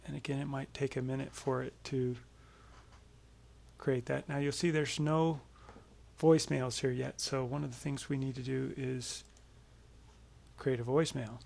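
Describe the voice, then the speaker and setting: A man explains software casually in a screencast walkthrough, his creaky voice at a medium pitch and level tone. He moves at a moderate pace, leaving long pauses.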